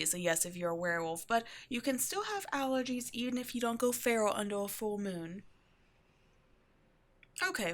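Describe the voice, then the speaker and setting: Playing the quirky, cheerful keeper of a mysterious occult shop, a woman talks to a new employee in a casual one-sided ASMR roleplay. She stays chatty and breezy, brushing off eerie things as casually and amiably as ordinary ones. Her voice is on the high side and fairly bright.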